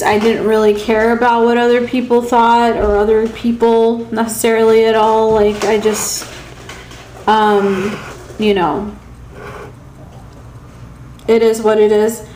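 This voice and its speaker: Holding her phone or camera at arm's length, a young woman vlogs casually from a small shelved room at home, where the sound echoes and a faint hiss or hum lingers. Her fairly high, darkish voice carries an American accent; originally from Pakistan, she lives in South Carolina and rambles hesitantly with long, halting pauses.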